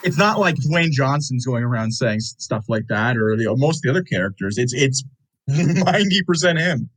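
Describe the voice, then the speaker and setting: A man's voice: mid-range voice, expressive, normal speed, a bit bright, low-quality recording. A young man co-hosting a casual movie podcast, opinionated and rambling, restarting his sentences. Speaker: podcast co-host.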